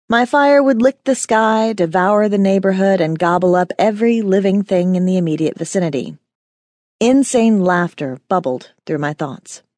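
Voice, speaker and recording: A woman's voice: medium pitch, a little mellow, dry recording, clean studio sound. A woman narrating a first-person fantasy audiobook with wry, dramatic storytelling.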